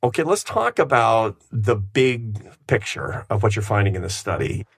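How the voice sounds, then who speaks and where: A man's voice: fairly low pitch, big pitch swings, moderate pace, vocal fry, husky. A man in his fifties co-hosting a podcast, talking in a candid, wry and emphatic way. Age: 50s. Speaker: podcast co-host. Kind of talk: conversational podcast interview.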